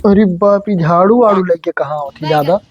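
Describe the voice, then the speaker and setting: A man's voice: sits high, brisk, highs cut off, soft background music, lightly acted. A man playing a stubborn young village husband in a comedy skit, bickering bluntly in an Awadhi accent. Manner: blunt, bickering rustic talk.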